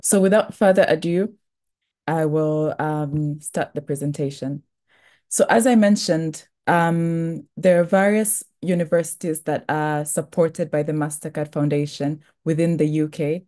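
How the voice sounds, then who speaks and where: A young woman from Tanzania gives a webinar presentation on a scholarship program. Her voice sits low and mellow, and she talks in a measured way, often pausing on "um" and "uh". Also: steady tone. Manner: measured, with frequent "um" and "uh" fillers.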